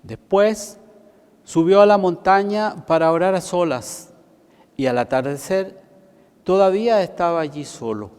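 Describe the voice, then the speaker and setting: A man's voice: sits high, a little slow, a little mellow, clear, resonant tone. A male priest solemnly reads the Gospel in a church with cathedral echo. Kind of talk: solemn liturgical Gospel reading. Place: large church, amplified.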